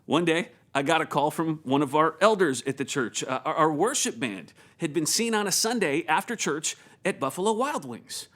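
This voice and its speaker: A male pastor preaching a sermon in an animated storytelling manner, often repeating words as he goes. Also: on the high side, normal speed, few pauses.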